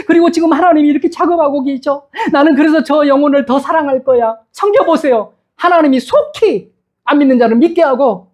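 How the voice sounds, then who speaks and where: A male pastor preaching a sermon with passion, repeating his points for emphasis and acting out other people's words. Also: very high voice. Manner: impassioned, with emphatic repetition; acts out quoted speech of others. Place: church.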